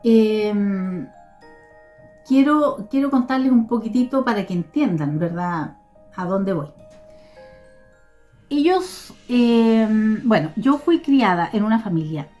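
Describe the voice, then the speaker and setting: A woman with a Chilean accent tells a personal story slowly and reflectively, with many hesitations. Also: medium pitch, warm tone. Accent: Chilean Spanish. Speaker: vlogger.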